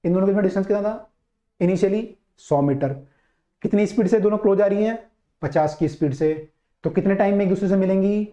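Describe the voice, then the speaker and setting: A man's voice: high-pitched, fairly quick, warm tone. A man teaching a physics class online, chatty and coaxing, repeating his key points and checking that students follow. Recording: dull, roomy online-class audio.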